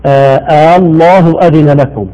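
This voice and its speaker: A man's voice: a little high, steady tone, unhurried, warm tone, poor audio. A man teaching the rules of Quran recitation in a televised lesson, explaining patiently, repeating points and giving short assents.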